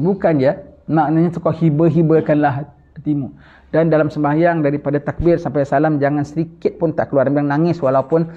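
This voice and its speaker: Man preaching over a tinny line. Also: fairly high pitch. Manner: gentle, repetitive, mixes English words and Arabic recitation. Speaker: religious teacher. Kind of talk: sermon with prayer. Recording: tinny phone-like online recording.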